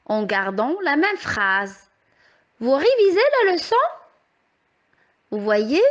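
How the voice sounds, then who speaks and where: A young woman teacher explaining a grammar lesson to young children, patient and carefully articulated, with clearly rising questions. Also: fairly high pitch, highs cut off. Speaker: primary school teacher.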